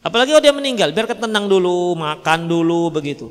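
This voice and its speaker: A male preacher with a Medan accent gives a lively religious lecture, acting out the dialogue as he tells the story. His voice sits fairly high for a man. It rings out in a reverberant hall. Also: fast. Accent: Medan Indonesian.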